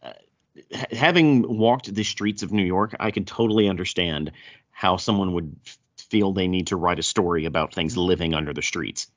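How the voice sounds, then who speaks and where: With a thick Southern US accent, a low-voiced man hosts a casual podcast chat at a moderate pace, frequently stammering and repeating words. The recording has a dull, roomy echo.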